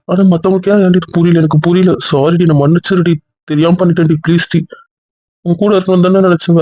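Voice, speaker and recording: A man's voice: a little high, dry recording, natural voice. A man playing a remorseful young husband who begs his wife for forgiveness, in an amateur audio drama on a dull lo-fi recording. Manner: pleading, repetitive begging.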